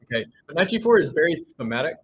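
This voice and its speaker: A man's voice: fairly high pitch, sing-song, quick pace, slight background noise, poor audio. Man commentating a chess game live. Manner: thinks aloud with frequent restarts and fillers.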